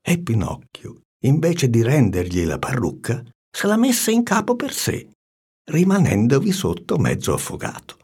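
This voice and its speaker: A man reading a storybook aloud with an expressive, swinging delivery and hushed asides. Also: mid-range voice, unhurried, breathy edge.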